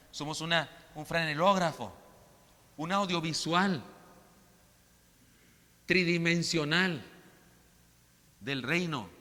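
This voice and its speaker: A man preaching a sermon, emphatic, moving between loud stresses and soft storytelling. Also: on the high side. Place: church sanctuary. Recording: long church reverb.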